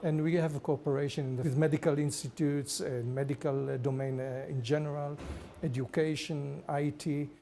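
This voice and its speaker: A man with an Israeli accent giving formal, halting interview answers as an ambassador. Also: on the high side, level tone, dark tone. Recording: clear background noise.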